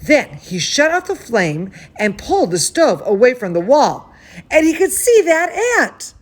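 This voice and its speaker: A woman with a slightly high, very animated voice reads a children's bedtime story at a somewhat slow pace. She hosts bedtime stories and also teaches cooking, and she fills the reading with affectionate, chatty asides and exclamations for her young listeners.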